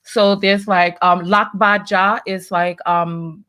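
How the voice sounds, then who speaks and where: A woman's voice: mid-range voice, little pitch movement, slow, pushed and bright. A woman hosting a casual chat, teasing and playful. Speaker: host. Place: home room with a printer.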